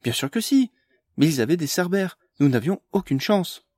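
A man's voice: medium pitch, fairly quick, darkish tone, husky, no echo, pitched above the performer's own voice, close to an everyday voice. A man voicing a frantic young woman on the run, talking urgently and close to tears.

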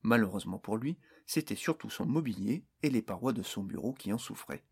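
A man narrating a fantasy audiobook in a steady, measured storytelling voice. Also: lowish voice, breathy edge.

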